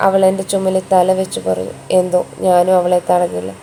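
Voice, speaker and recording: Woman narrating a story, mellow tone. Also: lowish voice, monotone, normal speed, vocal fry, a little hiss or hum, low-quality recording.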